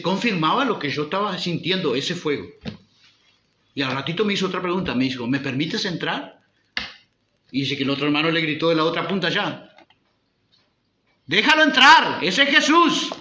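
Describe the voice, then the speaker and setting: Man, pastor, emphatic sermon, fairly high voice, echoey church hall. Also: expressive, brisk, a bit bright, lo-fi sound, a little hiss or hum. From Uruguay. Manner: emphatic preaching with rhetorical questions.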